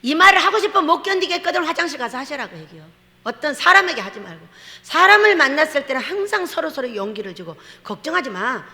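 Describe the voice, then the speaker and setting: Lady pastor giving a sermon, chatty and laughing, bright sharp voice, echoey church. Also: sits high. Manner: lively, laughing storytelling with acted-out quotes. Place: church sanctuary. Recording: long hall reverb.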